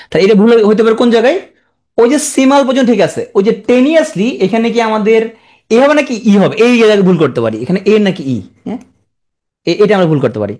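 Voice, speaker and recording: A teacher giving a live class spelling lesson, slowly stretching out each word and syllable and checking in with students. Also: mid-range voice, big pitch swings, darkish tone. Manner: coaching, asks quick check-in questions.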